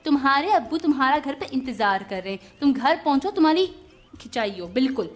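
A woman's voice: sits high, big pitch swings, brisk. A woman hosting a children's show, chatting to the kids and a puppet companion. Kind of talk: talking to children.

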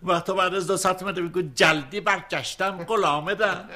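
A man's voice: sits high, fairly even intonation, pushed and bright. An actor playing a stubborn, grumbling bedridden old father who complains to his son. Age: older. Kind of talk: TV comedy drama.

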